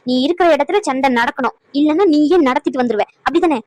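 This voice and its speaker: A woman voicing an exasperated grown daughter in a cartoon, scolding her mother with sharp rhetorical questions. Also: high voice, fast, lightly acted, poor audio. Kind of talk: cartoon voice acting.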